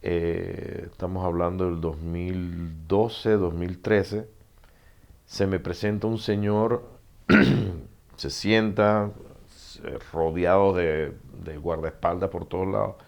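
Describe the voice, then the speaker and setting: A man's voice: low voice, slow pace, creaky. A middle-aged man with a Panamanian Spanish accent, an author telling stories in a casual interview and acting out the dialogue. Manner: animated storyteller, acts out dialogue, laughs often. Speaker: author guest.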